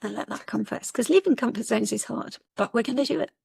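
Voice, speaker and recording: Husky-voiced woman telling a story earnestly. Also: on the high side, fast, mellow, no room sound, studio quality. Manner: earnest storytelling, urging listeners on. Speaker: astrologer guest. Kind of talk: casual conversation.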